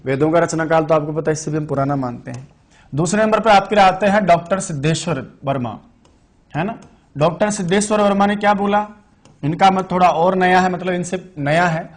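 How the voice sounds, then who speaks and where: A man's voice: sits high, a little fast. A man teaching Sanskrit grammar in an online exam-prep lecture. He asks questions and answers them himself, and repeats the key terms.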